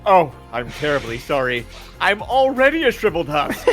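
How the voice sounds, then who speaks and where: A man's voice: on the high side, big pitch swings, normal speed, over loud music. A man voicing a polite, daffy living skeleton in a genteel, theatrical manner for a comic manga dramatization. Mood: gleefully apologetic.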